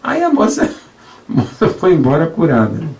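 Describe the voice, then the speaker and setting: A man from Brazil, a doctor, telling a faith story in a conversational preaching way, with many rhetorical "né?" tags and sharp rises on repeated phrases. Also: a little high, normal speed. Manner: animated, rising sharply on repeated phrases, frequent "né?". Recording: roomy, slightly distant radio recording.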